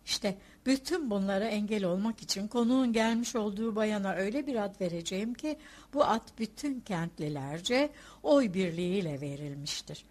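Female audiobook narrator for literary fiction, steady and expressive. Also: medium pitch, normal speed. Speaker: audiobook reader.

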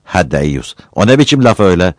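A man voicing a scolding but kind village housewife who nags in quick bursts. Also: low voice, very animated, no room sound, clean studio sound. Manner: scolding, quick and hushed warnings.

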